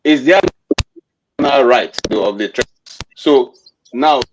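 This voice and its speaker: A man's voice: mid-range voice, slow pace, background noise. A man cutting in on an online discussion to ask a question, his call audio glitching and breaking up.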